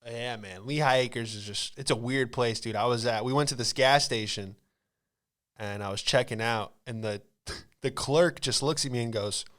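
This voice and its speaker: A podcast host in his late twenties with an American accent tells comic stories in a casual, slangy, rambling way. His voice is medium in pitch and fairly bright, at a moderate pace.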